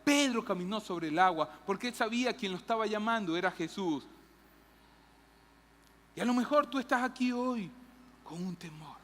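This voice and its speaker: A woman preaching a lively sermon in a church, acting out Bible characters. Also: medium pitch, normal speed, long pauses, in a large hall. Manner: animated, acts out Bible characters' lines, jokes with the audience. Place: church hall.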